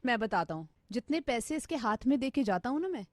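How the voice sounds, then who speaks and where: Woman doing a grumpy husband, high voice, dry close sound, argumentative. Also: sing-song, a little fast, no echo. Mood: grumbling. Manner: irritable, talks over his wife. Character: quarrelling husband on a prank call.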